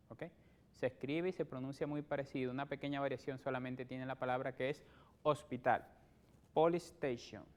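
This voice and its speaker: A man with a Venezuelan Spanish accent teaching English on a televised lesson, patient, repeating words slowly and checking understanding often. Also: on the high side, darkish tone. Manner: slow, careful English pronunciation drills.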